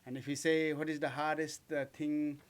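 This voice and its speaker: A man's voice: a little high, level tone, moderate pace. A man from Nepal with a Nepali accent, answering interview questions in a radio studio, hesitant and full of "uh" and "um". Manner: hesitant, many "uh" and "um", simple phrasing. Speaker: guest, mountaineer.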